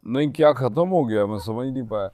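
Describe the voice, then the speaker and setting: A man filming his dogs, talking to viewers and calling and calming the dogs. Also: mid-range voice, brisk, noisy background. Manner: talks to viewers and calms his dogs in turns. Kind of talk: casual commentary to viewers.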